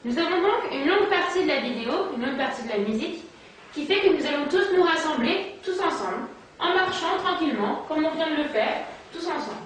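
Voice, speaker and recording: High-voiced woman teaching dance, far off. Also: expressive, a little fast, a little hiss or hum. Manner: patient step-by-step instruction, counting moves aloud. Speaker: dance instructor. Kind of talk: teaching a flashmob routine. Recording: echoey distant amateur video.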